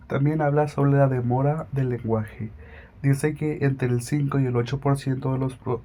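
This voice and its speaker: Halting young man presenting class notes. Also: mid-range voice, warm tone. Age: young adult. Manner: halting, restarts words often. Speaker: student presenter.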